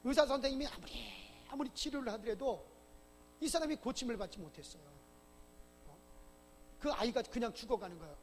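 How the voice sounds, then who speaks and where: Male pastor, very high voice, emphatic sermon full of rhetorical questions, long church-hall reverb. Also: expressive, a little fast, pauses often, slight background noise. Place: church sanctuary.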